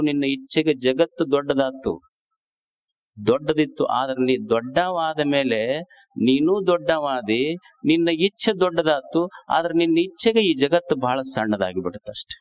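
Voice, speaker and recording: A man with a North Karnataka Kannada accent giving a sermon as a swamiji, asking rhetorical questions and repeating his phrases. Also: fairly high pitch. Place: discourse series in a town.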